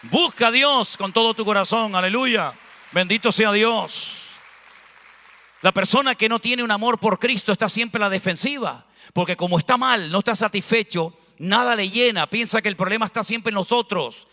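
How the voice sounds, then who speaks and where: A man preaches a lively, anecdote-filled sermon, his voice high-pitched and bright. He speaks into a handheld microphone in a church. The hall around him rings with a long reverb. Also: normal speed. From Spain. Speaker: pastor.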